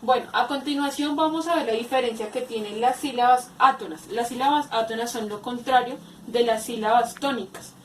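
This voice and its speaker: A woman giving a spoken grammar lesson, explaining slowly with many hesitations and repeated words. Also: on the high side, slight background noise. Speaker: teacher. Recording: echoey room, far from mic.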